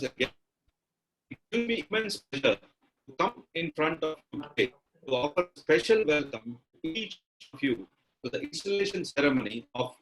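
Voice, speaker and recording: A man giving a formal welcome speech over a video conference call, his audio breaking up, speaking with halting pauses. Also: on the high side, fairly bright tone, low-quality recording. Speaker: chapter official giving the welcome address. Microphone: computer or phone mic on a video call.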